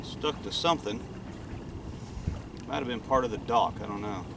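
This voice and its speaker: A man's voice: fairly low pitch, moderate pace. A middle-aged man giving casual running commentary while magnet fishing on a lake dock, thinking aloud in a matter-of-fact way as he works. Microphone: camera mic, filmed from a few feet away. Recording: distant camera mic, loud wind and water noise.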